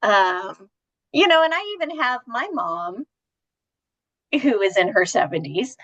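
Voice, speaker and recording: A woman's voice: medium pitch, lively intonation, unhurried, fairly bright tone, lo-fi sound. A woman in her fifties co-hosting a talk show, chatty and self-deprecating, full of "you know" and "right?". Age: 50s. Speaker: podcast co-host. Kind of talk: casual chat.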